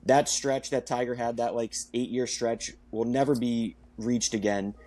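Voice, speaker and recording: A young man co-hosting a casual sports podcast, easygoing and quick to laugh. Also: mid-range voice, fairly even intonation, warm tone. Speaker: podcast co-host.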